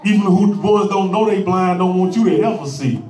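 A man preaching a sermon as pastor, with a rising call-and-response cadence that swells into shouts. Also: high voice, fairly quick, reverberant, recorded from a distance.

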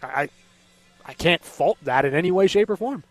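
A man co-hosting sports talk radio, casually analyzing in a halting way and repeating words as he thinks aloud. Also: sits high, animated, faint music behind.

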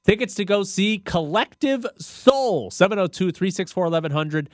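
A man with an American accent hosting sports radio, delivering a ticket giveaway contest promo with animated announcing. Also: high voice, normal speed, no room sound, studio quality.

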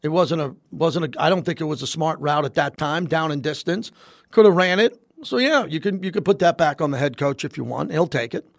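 An American sports talk radio host with a voice on the high side delivers emphatic opinions, repeating phrases for emphasis. He speaks into a close studio microphone, and there's no room sound.

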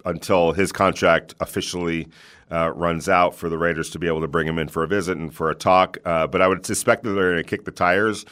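A man hosting a sports call-in show, giving unscripted commentary in hesitant, measured phrases with many pauses. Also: low voice, steady tone, fairly bright tone, smooth.

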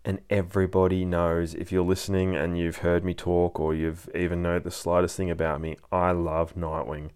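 A man with an Australian accent hosting a podcast from a bedroom, talking in a casual, sweary, excitable review style. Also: deep voice, normal speed, few pauses, smooth. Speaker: podcast host. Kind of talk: casual comic book review. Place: bedroom used as a studio.

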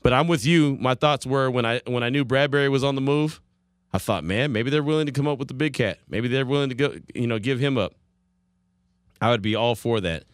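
A man's voice: mid-range voice, fairly quick, smooth, no echo. A man hosting a sports talk radio show, chatting casually, repeating himself and laughing easily. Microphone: studio microphone.

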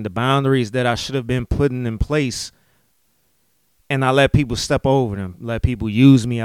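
A man's voice: medium pitch, clean tone, no echo, studio quality. A man in his late thirties, a podcast host, talking candidly and emotionally about his life, often adding "you know what I'm saying". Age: late 30s. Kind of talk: candid personal podcast talk.

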